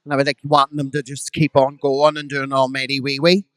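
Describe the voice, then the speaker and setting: A man's voice: medium pitch, completely flat delivery, fairly quick, fairly bright tone, smooth, no room sound. A man with a Belfast accent, a drag performer and guest, telling frank, bawdy stories at a live podcast, with quoted voices. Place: live venue before an audience.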